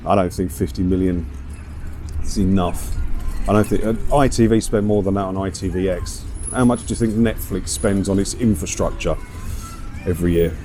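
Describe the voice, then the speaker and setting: Walking through an English seaside town, this vlogger gives casual, sardonic commentary on the news, grumbling and tossing out rhetorical questions. His voice sits low and mellow, with a steady tone and moderate pace. The recording picks up windy outdoor street noise.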